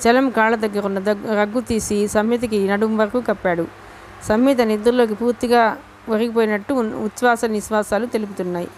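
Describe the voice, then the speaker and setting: A woman's voice: a little high, fairly even intonation, fairly quick, darkish tone, slight background noise. A woman narrating a romance novel as an audiobook, telling the story steadily and sometimes restarting a word. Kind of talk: reading a Telugu novel aloud.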